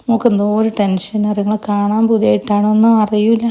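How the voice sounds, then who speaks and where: A woman's voice: mid-range voice, level tone, a little fast, dark tone, lightly acted. A woman voicing an older grandmother who fusses and scolds insistently. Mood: worried. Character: fussing, caring older grandmother.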